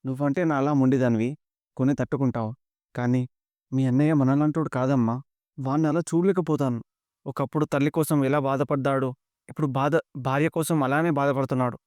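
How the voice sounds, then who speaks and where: A man voicing a weary, heartbroken elderly grandfather in a rapid, dry retelling of a serial episode. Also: medium pitch, fairly even intonation, darkish tone, no room sound, close to an everyday voice. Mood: anguished.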